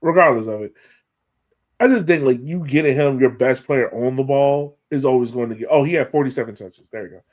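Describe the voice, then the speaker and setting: A brisk, slightly mellow mid-range voice belongs to an American man co-hosting a sports podcast. He analyzes the match in casual, forceful language and circles back to repeat points for emphasis.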